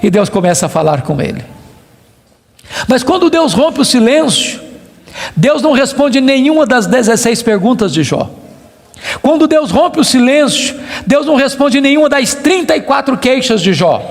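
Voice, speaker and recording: A man with a Brazilian Portuguese accent, a pastor preaching a sermon with emphatic repetition, rising to loud peaks and dropping to hushed low phrases. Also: very animated, normal speed, gravelly. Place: church sanctuary. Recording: reverberant church hall.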